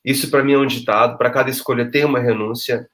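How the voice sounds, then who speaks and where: Emphatic man, mid-pitched. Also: steady tone, quick pace, fairly bright tone. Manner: emphatic, acts out quoted thoughts. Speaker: guest, social project leader. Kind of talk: conversational discussion.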